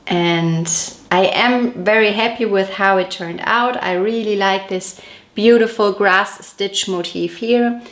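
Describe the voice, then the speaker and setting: Still getting over a cold, which leaves her voice a little off, this knitting podcast host chats in detail during casual show-and-tell, gently correcting herself along the way. Her voice is mid-range at a slow pace, recorded in an echoey room.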